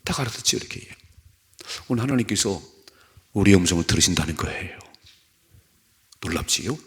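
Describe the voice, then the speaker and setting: A man's voice: sits low, lively intonation, brisk, a bit bright. A man, a pastor, preaching an earnest sermon at a dawn prayer service in a church. He repeats key phrases and asks the congregation to respond.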